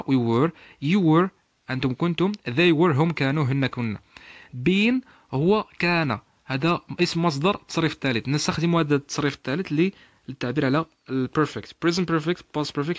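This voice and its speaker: A man teaching English, saying each verb form slowly and repeating it. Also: a little high, a bit bright. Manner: slow and deliberate on each English word, repeating verb forms. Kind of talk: language lesson.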